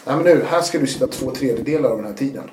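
A man telling his own story in casual conversation, animated and acting out what people said. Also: mid-range voice, a little hiss or hum. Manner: animated, acts out quotes. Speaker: guest. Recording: roomy echo.

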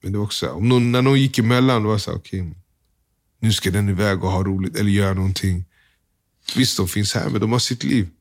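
Subdued young man recounting a crisis. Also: on the low side. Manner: subdued, halting, slangy retelling with quoted dialogue. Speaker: interview guest. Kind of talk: candid personal storytelling.

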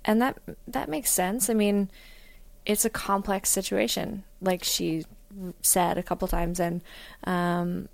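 A woman's voice: mid-range voice, fairly even intonation, slow pace, creaky, no echo. A woman co-hosting a podcast in casual personal conversation, talking in a candid, reflective way. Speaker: podcast co-host.

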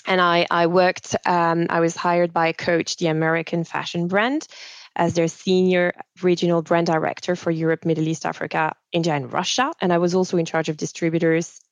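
A Swiss woman, a managing director appearing as a guest, talks in a casual interview with a low, dry voice that shows little pitch movement. Her first language is French, and she speaks at a moderate pace, thoughtfully, with many fillers and restarts. The recording itself is dry.

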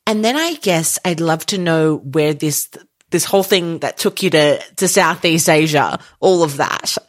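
A woman's voice: low voice, lively intonation, measured pace, dry recording, studio quality. A young woman hosting a podcast interview, upbeat and effusive, chatting casually with plenty of fillers. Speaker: podcast host.

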